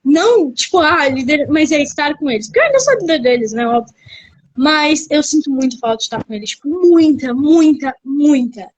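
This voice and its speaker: A young adult woman from Brazil, a missionary and youth leader, chatting in a casual interview and excitedly repeating words for emphasis. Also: sits high, fairly quick, lo-fi sound. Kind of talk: casual interview on a live stream.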